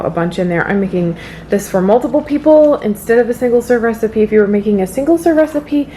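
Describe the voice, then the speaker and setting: A woman's voice: on the high side, dark tone, slight background noise. A woman talking casually to viewers in a home cooking vlog, explaining things in an informal, improvised way. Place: home kitchen.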